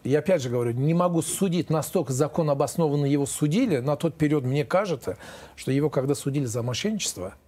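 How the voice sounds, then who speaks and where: A man in his fifties, a lawyer being interviewed, answering in a halting, repetitive, defensive way. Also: fairly high pitch, expressive, dark tone. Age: 50s. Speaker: lawyer, guest.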